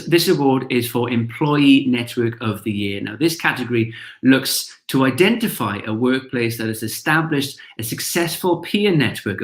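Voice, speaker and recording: A man with a Welsh accent hosts an awards ceremony, reading out shortlists and winners and announcing names with upbeat emphasis. His mid-range voice has a roomy sound.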